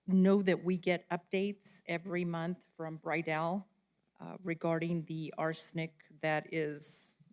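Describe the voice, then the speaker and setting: A woman chairing a county commission meeting who asks staff direct questions. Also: on the low side.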